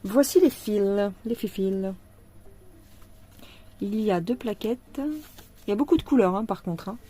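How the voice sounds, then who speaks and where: Brief: woman vlogger, tired, chatty, mellow warm tone, indoors at home. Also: medium pitch, lively intonation, a little slow, breathy edge. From France. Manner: chatty, talks to the viewer, laughs often. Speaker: cross-stitch vlogger. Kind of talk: casual chat unboxing a craft kit.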